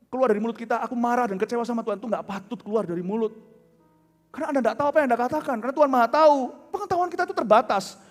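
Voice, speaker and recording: A middle-aged Indonesian pastor preaching with a high, very lively voice that swings between loud bursts and hushed asides. He tells his stories with animation. The sound rings in a large hall with a long reverb. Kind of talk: sermon.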